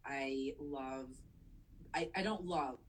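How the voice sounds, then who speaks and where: A woman's voice: extremely low pitch, slow pace, a little hiss or hum, low-quality recording. A woman co-hosting a podcast in casual movie chat, emotional and enthusiastic, swearing casually. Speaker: podcast co-host.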